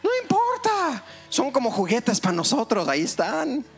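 A male pastor preaching a lively sermon in a church, joking with the congregation and calling for amens. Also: very high-pitched, normal speed, creaky, husky, faint music behind. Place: church hall.

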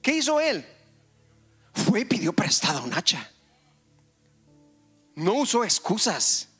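A male pastor preaching a lively sermon in a church, joking with the congregation and calling for amens. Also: high voice, takes it slowly, husky, faint music behind. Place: church hall.

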